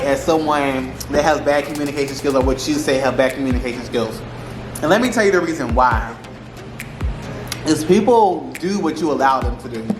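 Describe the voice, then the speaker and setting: A man talking casually to camera in slangy, rambling speech, repeating phrases for emphasis as he gives advice. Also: a little high. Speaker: vlogger giving relationship advice. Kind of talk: casual mukbang chat to camera. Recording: roomy echo with music behind. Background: music.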